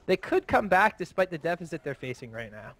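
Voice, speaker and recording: High-voiced man calling esports play. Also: brisk, no echo. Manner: steady analytical play-calling. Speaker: esports caster. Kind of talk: play-by-play commentary.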